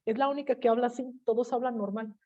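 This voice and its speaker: Lively Mexican teacher telling a story. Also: female voice, a little high, fast, lo-fi sound. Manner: lively storytelling, acting out quoted voices. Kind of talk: online class lecture with personal story.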